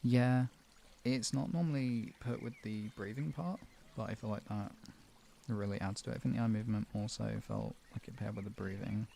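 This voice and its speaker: Low-ish, creaky and mellow, his voice keeps a fairly even intonation at normal speed, with a bit of hiss or hum. The man hosts a live stream and leads relaxation, improvising casual chat with viewers and frequently rambling or trailing off.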